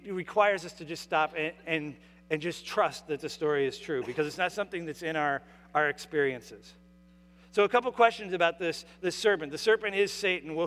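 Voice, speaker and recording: A man preaches a sermon in a slightly high voice, earnest and conversational, often stopping to restart his phrasing. His words ring out with a long reverb that trails through a large church sanctuary. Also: fairly bright tone. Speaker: pastor. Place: church sanctuary during a service.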